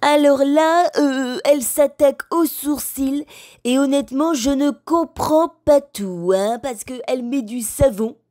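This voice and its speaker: A woman puts on a cheeky male bulldog who drawls his way through a comic voice-over, slow and sarcastic, and pitched a little high. He teases and insults his owner as he goes. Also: mellow. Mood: mocking. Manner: slow, sarcastic, teasing commentary.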